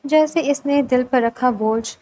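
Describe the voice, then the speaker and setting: High-voiced woman narrating a romance novel. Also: rough recording. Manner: calm, measured storytelling.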